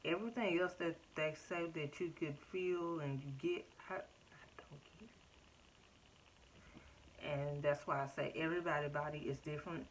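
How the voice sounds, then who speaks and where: A woman in her thirties giving a casual, chatty update to her viewers, filling pauses with "um" and "like" and calling them "y'all". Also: sits low, fairly even intonation, a little hiss or hum, low-quality recording. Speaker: vlogger. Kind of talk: casual personal update to camera. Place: home.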